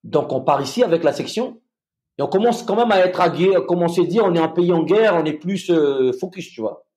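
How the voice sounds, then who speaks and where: A man, a former soldier, recounting his experience in a casual conversation, halting with restarts and fillers. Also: high voice, animated, a little mellow. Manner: halting, many restarts and fillers, vivid retelling.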